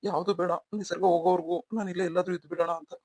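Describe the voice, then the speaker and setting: A woman voicing a young husband who is protective toward his wife and quick to anger at a rival, in a melodramatic audio story. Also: on the low side, level tone, dark tone, slightly rough, no echo. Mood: tender.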